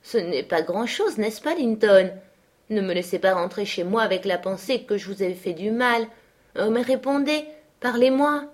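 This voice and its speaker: A woman's voice: medium pitch, moderate pace, natural voice. A woman playing an earnest, fiery teenage girl. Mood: pleading. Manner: eager, indignant.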